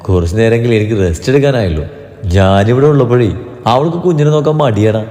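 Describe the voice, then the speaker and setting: A man's voice: medium pitch, quick pace, warm tone, in a large hall, natural voice. A man voicing an easygoing young husband and father in a read-aloud story. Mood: relaxed.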